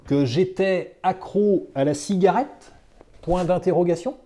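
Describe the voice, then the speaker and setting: A teacher reading a dictation aloud, saying each phrase several times with careful, deliberate phrasing and calling out the punctuation. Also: medium pitch, dark tone.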